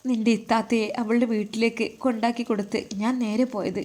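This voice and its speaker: A woman's voice: fairly high pitch, flat delivery, fairly quick, a little mellow, close to an everyday voice. A woman reading the lines of an older widowed mother, tender and pleading, with a Malabar Malayalam accent.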